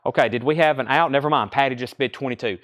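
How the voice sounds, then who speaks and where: A man's voice: medium pitch, quick pace, fairly bright tone. A man hosting a live record sale like an auctioneer, calling out items, prices, bids and names in unscripted sales patter.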